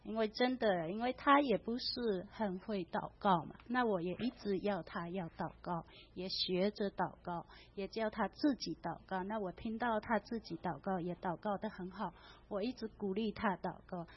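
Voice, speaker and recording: A woman sharing a personal faith testimony, speaking softly and often trailing off. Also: mid-range voice, normal speed, few pauses, breathy edge. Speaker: church member sharing testimony. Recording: dull lo-fi with faint noise.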